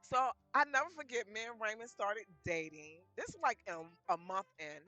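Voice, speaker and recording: Middle-aged dc-woman just chatting thru her life story, bright voice, dry close sound. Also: mid-range voice, moderate pace, no room sound, faint music behind. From Washington DC area. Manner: lively, chatty retelling of conversations with frequent laughs. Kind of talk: casual storytelling.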